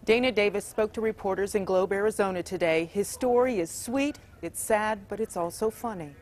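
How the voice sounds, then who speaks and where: A woman's voice: mid-range voice, normal speed, darkish tone, a little hiss or hum. A woman reporting for a television newscast, introducing and wrapping up a story for the studio.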